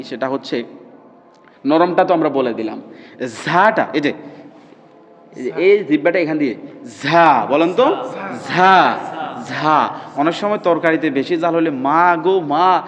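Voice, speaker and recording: A high-pitched man leads a classroom pronunciation lesson. He stretches out example sounds and keeps checking that his students follow. The sound is dull, with long reverb from the hall. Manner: keeps checking the class understands, drawls demonstration sounds slowly. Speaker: Quran recitation teacher.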